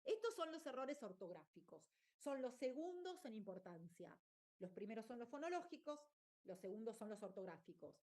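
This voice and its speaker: Higher-pitched woman teaching a lesson. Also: sing-song, moderate pace, darkish tone. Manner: explanatory, checks in with "¿está bien?". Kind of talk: online lecture.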